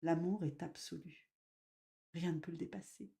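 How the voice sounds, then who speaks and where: A woman medium giving a spiritual live talk, gentle and slow, with sudden loud emphasis and soft drops. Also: on the low side, steady tone, vocal fry.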